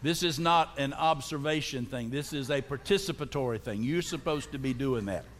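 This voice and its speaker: A man's voice: medium pitch, moderate pace, a little hiss or hum. A man preaching a sermon as pastor, joking and calling out to his congregation. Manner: humorous, calls out to the congregation. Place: church sanctuary. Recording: long echoing church reverb.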